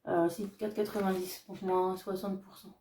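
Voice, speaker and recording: A woman vlogger chats casually through her craft shopping haul, hesitating and pausing on fillers as she describes each item. Her mid-range voice is level and dark in tone, picked up from a distance with slight hiss or hum. The room is echoey and she's off-mic.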